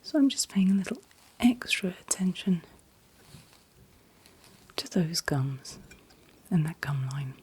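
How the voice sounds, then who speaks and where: A woman doing a whispered role-play as a calm dentist, speaking in a breathy whisper with gentle, reassuring, unhurried instructions. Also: lowish voice. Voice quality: breathy, mostly unvoiced whisper. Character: calm, attentive dentist soothing a patient. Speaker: ASMR performer playing a dentist.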